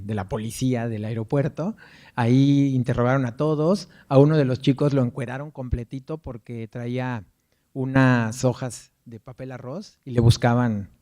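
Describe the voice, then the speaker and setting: A man's voice: medium pitch, steady tone, normal speed, dark tone. A man with a Mexican accent giving a lecture, telling anecdotes in a chatty way with frequent tag questions. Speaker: guest lecturer, performance artist.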